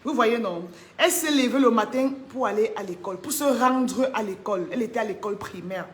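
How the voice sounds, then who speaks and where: A woman's voice: fairly high pitch, brisk. A woman hosting a casual phone live stream, greeting viewers by name and coaxing them to share. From Cameroon. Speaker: live-stream host selling wigs. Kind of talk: casual Facebook live chat.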